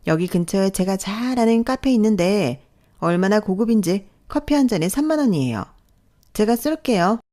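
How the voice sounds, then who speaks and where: A woman voicing a vain, sharp-tongued young married woman who talks in a snippy, scornful way, in a storytelling role-play. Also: medium pitch, lively intonation, normal speed, voice pushed up, close to an everyday voice. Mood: boastful.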